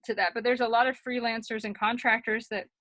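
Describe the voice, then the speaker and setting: A woman's voice: fairly high pitch, steady tone, fast, fairly bright tone, dry recording. A woman co-hosting a casual podcast, chatty and leading the talk with questions. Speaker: co-host.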